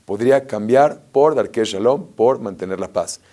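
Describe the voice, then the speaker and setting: A rabbi giving a lively Torah lesson, telling stories and asking rhetorical questions. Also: male voice, medium pitch, moderate pace. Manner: animated storyteller, asks rhetorical questions.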